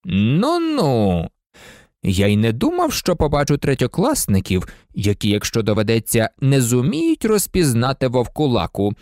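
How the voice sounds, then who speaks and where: Reader doing icy male professor, silky voice, slow menacing drawl, storybook reading, swooping pitch, dry sound. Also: huge pitch swings, darkish tone, no room sound. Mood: cold sneering. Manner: icy, contemptuous.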